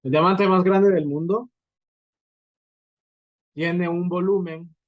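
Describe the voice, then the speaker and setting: At a writing board, a man teaches a recorded physics lecture, explaining step by step and often checking in with his students. His high-pitched voice is fairly even and slow, with phone-quality sound and no room noise.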